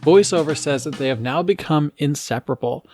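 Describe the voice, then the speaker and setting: A man's voice: on the high side, a little fast, a little mellow, soft background music. A man giving an earnest film critique commentary, with sarcastic asides. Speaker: video essayist.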